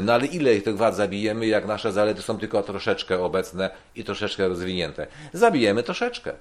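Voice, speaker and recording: A man giving a measured sermon-style Bible teaching, explaining verses slowly and repeating key points. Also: mid-range voice. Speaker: preacher.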